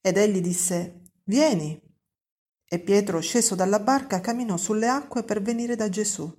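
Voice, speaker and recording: Woman reading scripture aloud, measured. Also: medium pitch, darkish tone. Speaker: scripture reader. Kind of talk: reading a Bible passage aloud.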